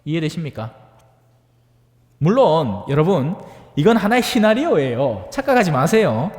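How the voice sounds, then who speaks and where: Lively priest preaching in a hall. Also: male voice, fairly high pitch, moderate pace. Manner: conversational, asks the audience for agreement; acts out voices in dialect-tinged asides. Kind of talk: homily on the Gospel.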